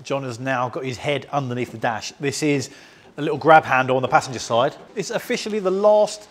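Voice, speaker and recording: A man's voice: mid-range voice, a little fast. A man, hosting a car restoration vlog and explaining his work casually. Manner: chatty, explains as he goes, laughs easily. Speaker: channel host restoring a car. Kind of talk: casual workshop vlog chat. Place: large indoor garage workshop.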